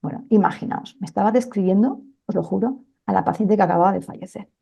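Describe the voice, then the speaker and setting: A woman doctor recounts a memory from her work in an interview. Her voice is gravelly and mellow, and she speaks conversationally with frequent fillers. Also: medium pitch, fast talker. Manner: conversational storytelling with many fillers. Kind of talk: telling a personal story in an interview.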